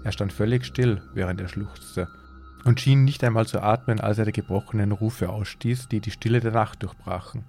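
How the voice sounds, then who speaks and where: A man hosting a podcast, reading a horror story aloud in a measured, suspenseful way. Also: lowish voice, steady tone, a little mellow, faint music behind. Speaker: podcast host and story reader.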